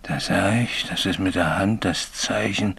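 An actor playing a frightened railway signalman haunted by a ghost, telling his story haltingly and growing frantic, in a 1980s German radio drama. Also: sits low, gravelly, fairly bright tone, breathy edge, exaggerated voice. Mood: haunted, hushed. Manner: tells his tale haltingly, then grows frantic and desperate.

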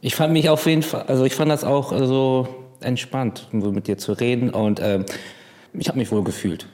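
Relaxed, plain-spoken man in easy chat. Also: mid-range voice, moderate pace. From Bremerhaven, Germany. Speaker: podcast guest. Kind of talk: casual conversation.

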